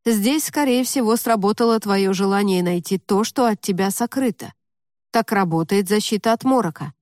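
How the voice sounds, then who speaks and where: A calm, matter-of-fact young man, voiced by a woman narrator, unhurried and unruffled. The voice is mellow and dark, recorded close and dry. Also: medium pitch, no room sound, lightly acted. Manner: slow, unruffled delivery.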